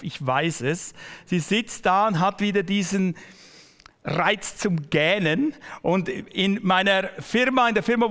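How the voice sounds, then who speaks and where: Speaking personally to his congregation, a male pastor delivers his sermon in a large hall with a high, slightly bright voice. For emphasis he often slows and sinks nearly to a whisper.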